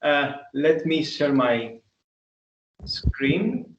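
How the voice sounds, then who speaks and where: A man working as an application engineer gives a halting, polite presentation over a video call. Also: on the high side, animated, a little hiss or hum. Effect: video call audio. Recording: echoey, distant, muffled video call.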